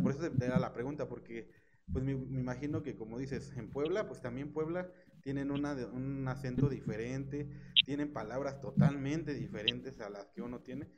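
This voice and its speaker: A young man with a central Mexican accent, hosting a casual conversation, relaxed and chatty, acting out people he quotes. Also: mid-range voice, low-quality recording. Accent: central Mexican Spanish. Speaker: host.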